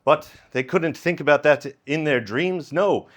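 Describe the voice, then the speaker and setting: A man narrating his own live one-man puppet musical, unhurried, with improvised asides. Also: a little high. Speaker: narrator and performer.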